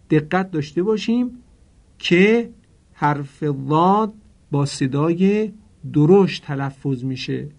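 A man's voice: a little high, darkish tone. Formal man teaching Arabic pronunciation. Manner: formal and polite, drawing out Arabic example words slowly for repetition. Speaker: Quran recitation teacher. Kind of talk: pronunciation lesson.

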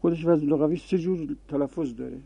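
A man's voice: a little high, vocal fry, dark tone, husky. A man giving a classroom grammar lesson, explaining rules and repeating example forms aloud. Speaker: Arabic grammar teacher. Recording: tinny phone-like dry recording.

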